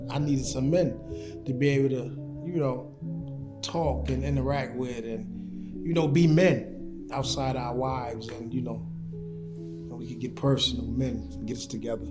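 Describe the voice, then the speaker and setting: Male participant, 40s, relaxed and rambling, guitar bed. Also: mid-range voice, a little slow. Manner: casual, filler-heavy. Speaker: program participant. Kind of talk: testimonial interview. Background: guitar music.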